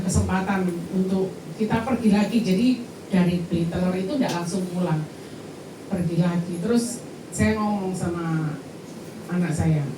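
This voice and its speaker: A woman's voice: mid-range voice, background noise. A middle-aged woman, telling the congregation her personal testimony in a church hall. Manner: personal storytelling, addresses congregation directly. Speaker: church member giving testimony. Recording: echoey church hall from far off.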